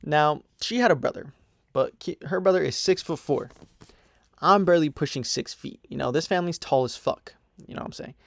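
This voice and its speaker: A man's voice: fairly high pitch, a little fast, vocal fry, dry recording. A young man casually telling a storytime tale on his own channel, swearing freely and leaning on "you know" and "whatever" as fillers. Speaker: storytime vlogger.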